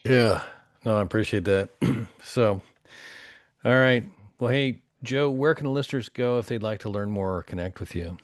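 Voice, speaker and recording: Deep-voiced male podcast host, dry sound. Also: normal speed, no echo. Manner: friendly, upbeat sign-off. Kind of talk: interview hosting.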